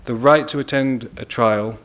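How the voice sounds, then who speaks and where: A man with a British accent giving a formal legal presentation, measured and deliberate, stressing key words. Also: mid-range voice, fairly bright tone. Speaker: international lawyer speaking at a press briefing.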